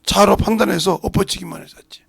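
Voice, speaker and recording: A middle-aged Korean pastor with a Jeolla accent, preaching a sermon and breaking into loud acted-out lines. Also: male voice, sits high, steady tone, fast talker, no echo, studio quality. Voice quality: gravelly. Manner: preaching with sudden shouts and acted-out dialogue.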